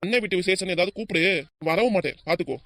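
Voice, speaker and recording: A woman's voice: lowish voice, fast, a bit bright, dry recording, clean studio sound. A woman voicing a hot-tempered middle-aged father in a cartoon, scolding his family with threats. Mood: furious. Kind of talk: cartoon voice acting.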